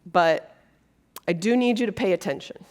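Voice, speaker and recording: A woman's voice: medium pitch, moderate pace. A woman from Brazil giving a conference keynote on stage, talking earnestly and conversationally with frequent fillers. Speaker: keynote speaker. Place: conference stage before an audience.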